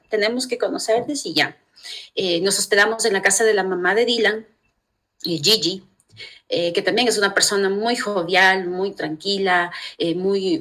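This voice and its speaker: A middle-aged woman from Ecuador with an Ecuadorian Spanish accent, telling family stories as an interview guest, warm and full of restarts. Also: mid-range voice. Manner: warm storytelling with many restarts. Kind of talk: casual interview talk.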